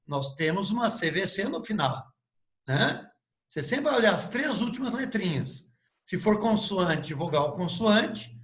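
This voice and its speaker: A man's voice: sits high, a bit bright, reverberant. A man teaching an English grammar lesson live, patiently spelling out words and asking his students questions. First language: Portuguese.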